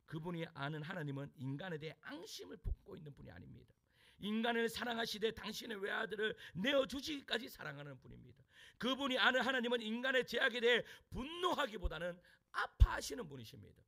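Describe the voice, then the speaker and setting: A male pastor preaches a sermon, posing questions to his congregation and answering them himself, dropping to hushed asides and rising to shouted lines. His voice is high-pitched, fast, and creaky, with big pitch swings.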